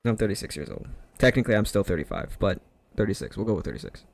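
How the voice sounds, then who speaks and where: A man's voice: lowish voice, very animated, fast, creaky, no room sound. A man streaming games while telling a long, profane story in a sarcastic, rambling way. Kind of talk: casual rant over gameplay.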